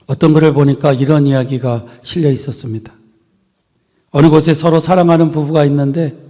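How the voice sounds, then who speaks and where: A male pastor preaching a sermon to his congregation in a church, building phrases up with emphasis and letting them fall soft at the ends. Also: a little high. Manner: earnest preaching with swelling emphasis and soft trailing endings. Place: church sanctuary. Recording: long reverb of a church hall.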